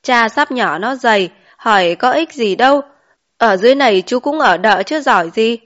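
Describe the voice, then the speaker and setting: A woman's voice: on the high side, animated, moderate pace, a bit bright. A woman voicing a talkative rural mother of five in an audiobook, with a chatty, exclaiming manner. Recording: dull lo-fi recording.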